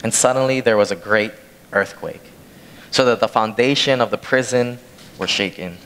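A young man from Hawaii preaches in a large church sanctuary, his low voice carrying a long hall reverb over a faint hiss. He moves between reading scripture and telling a plain, conversational story from the stage, speaking into a handheld mic. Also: moderate pace, a bit bright. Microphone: handheld microphone from a far camera.

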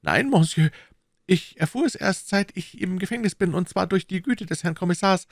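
A man's voice: sits high, moderate pace, gravelly, no room sound, clean studio sound, pitched above the performer's own voice. A man voicing a timid, nervous middle-aged shopkeeper who pleads and stammers, in a storybook reading. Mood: anxious.

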